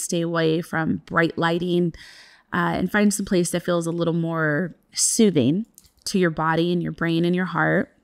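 A woman in her thirties hosting a podcast, guiding a breathwork practice in a soft, calm and gentle manner. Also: fairly low pitch. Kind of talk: soft, soothing guided wellness talk. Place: small furnished indoor room, seated. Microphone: close podcast microphone on a boom arm.

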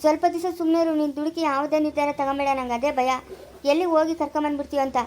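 A woman plays a calm older mother-in-law, giving advice in a soothing, pleading way in a family short drama. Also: sits high, rapid-fire, a little hiss or hum, lightly acted.

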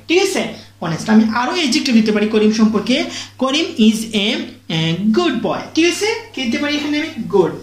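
A woman teaches grammar in a lively, swooping voice, pitched a bit high. She keeps checking that her students follow, asking questions and then answering them herself, and she stretches out her example sentences slowly. The room around her is echoey. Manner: repeats "ঠিক আছে?" after each point, asks and answers herself; slow, drawn-out English example sentences. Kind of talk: online grammar lesson.

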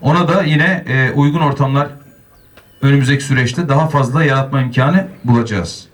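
A man's voice: medium pitch, brisk, distant mic, slight background noise. A man, a mayor, giving an earnest public speech at a podium microphone.

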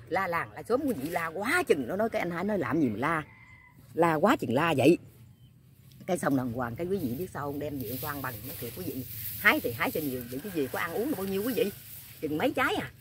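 A woman's voice: low-pitched, slight background noise. A woman, telling rambling stories to her viewers in a chatty vlog, often asking them "you know what?". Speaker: vlogger. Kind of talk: casual storytelling to viewers.

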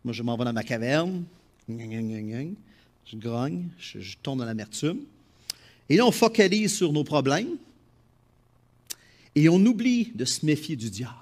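A middle-aged man with a Quebec French accent preaching a sermon to his congregation, animated and swinging between loud emphasis and quiet asides. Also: a little high, normal speed, long pauses. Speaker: pastor.

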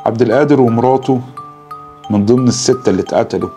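A man with an Egyptian Arabic accent narrating a horror story in a slow, dramatic storytelling manner. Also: medium pitch, mellow, faint music behind.

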